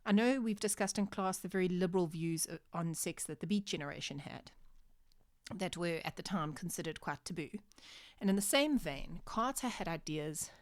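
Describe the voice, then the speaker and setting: Measured, low-voiced woman lecturing on literature. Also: expressive, no room sound, clean studio sound. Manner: clear, measured explanatory delivery with emphatic pauses.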